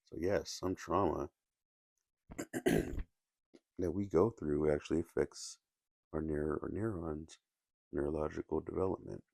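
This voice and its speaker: A man with a very deep voice talks in a halting, restarting way, his words full of gravelly fry. He keeps his voice low and quiet. The sound is dry and close, with no room echo. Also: steady tone. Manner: halting, many restarts and fillers, kept quiet. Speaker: video essayist. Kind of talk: casual solo commentary.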